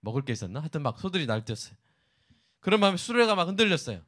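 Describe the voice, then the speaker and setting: A man's voice: on the high side, sing-song, very fast, fairly bright tone. A man preaching a sermon, retelling a story with acted asides and sudden bursts of emphasis. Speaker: pastor.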